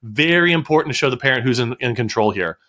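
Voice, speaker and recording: Bright-voiced man telling studio stories. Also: medium pitch, animated, fast talker. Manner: storytelling, digresses and laughs. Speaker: guest, music studio owner. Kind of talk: casual podcast conversation.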